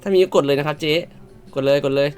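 A woman commentating a shop game, loud and exclamatory, swearing playfully at the game characters and now and then switching to a polite clerk voice. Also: low-pitched, fast, smooth, faint music behind. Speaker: gamer. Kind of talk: let's-play commentary.

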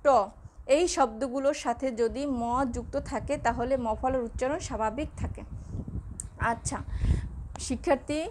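A woman lecturer giving a patient, slow classroom lesson, spelling out letters one by one. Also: high voice, a little mellow, slight background noise. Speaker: Bengali lecturer.

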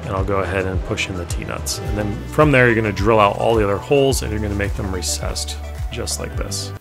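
Casual low-voiced man explaining a DIY build. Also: lively intonation, a little fast, creaky. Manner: casual and practical, with filler "uh" and self-corrections. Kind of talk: casual how-to narration. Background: background music.

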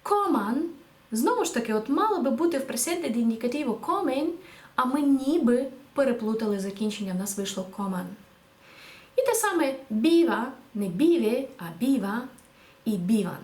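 Lively woman teaching in an echoey room. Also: fairly high pitch, fairly quick. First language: Ukrainian. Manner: lively, patient explaining with rhetorical questions. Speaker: Spanish teacher. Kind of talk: video language lesson.

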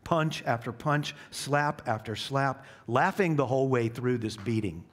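A male pastor preaching a sermon, reading a storybook passage aloud in a dramatic way that drops soft for the solemn parts. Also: mid-range voice, measured pace.

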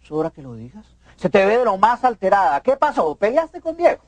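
A man's voice: high voice, big pitch swings, fairly quick. An actor playing a controlling, indignant middle-aged father in a telenovela, scolding with sarcastic emphasis. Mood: reproachful. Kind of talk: telenovela acting. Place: furnished bedroom set, indoors.

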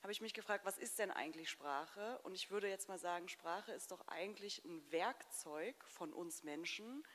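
A woman reasons her way through an idea before posing a question to her guest. Her voice sits lowish. A faint hiss runs under the recording. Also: normal speed, few pauses, a bit bright. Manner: reflective, reasoning aloud. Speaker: interviewer. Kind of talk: stage interview.

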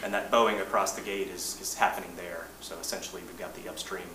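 A man with a somewhat low voice walks a board through a technical update, speaking in a measured, plain way and often restarting his phrases. He sounds set back from the mic in an echoing room, with clear background noise. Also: flat delivery, sharp tone. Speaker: engineering manager briefing a board. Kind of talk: presentation to a board. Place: boardroom meeting. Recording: roomy distant mic, noisy meeting room.

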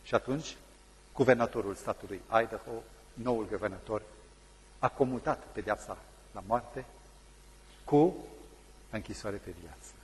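A man's voice: on the low side, long pauses, husky, in a large hall. A male pastor preaching a sermon, telling a story dramatically and acting out the people in it.

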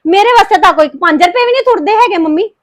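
An actress with a Punjabi accent plays Harpreet, a grieving young daughter-in-law, in an emotional family drama. In an extremely high, animated voice, she bitterly accuses and reproaches her mother-in-law with a rapid stream of complaints.

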